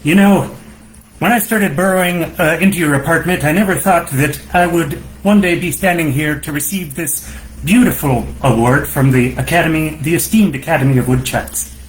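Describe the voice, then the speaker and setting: A man's voice: a little high, normal speed, slight background noise, close to an everyday voice, rough recording. A man voicing a gushing groundhog puppet. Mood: delighted. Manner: gushing, humble and excited. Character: cheerful male groundhog, small and earnest. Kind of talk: puppet banter on a live stream.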